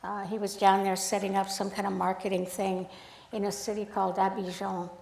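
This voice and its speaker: A woman's voice: medium pitch, fairly quick, gravelly. Chatty woman telling stories in an echoey room. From United States, grew up in Sacramento. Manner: chatty, animated, acts out quoted dialogue. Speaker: photographer giving a guest talk. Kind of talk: casual storytelling talk. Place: art club event room.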